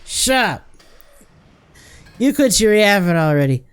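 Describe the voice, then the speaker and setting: A man's voice: sits high, sing-song, measured pace, clear, resonant tone, voice pushed up. A man reading game dialogue aloud, voicing a rowdy, boastful middle-aged drunk who blusters in folksy slang. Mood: belligerent.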